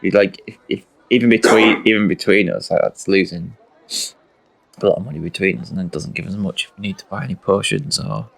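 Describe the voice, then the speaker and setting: A man's voice: sits low, fairly even intonation, brisk, gravelly, rough recording. A man chatting casually as a player in a tabletop game. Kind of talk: casual chat.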